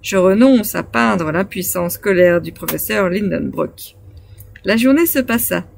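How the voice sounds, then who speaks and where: Woman audiobook reader, mid-pitched, steady measured phrasing for a classic novel. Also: creaky, a little hiss or hum. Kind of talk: reading a classic novel aloud.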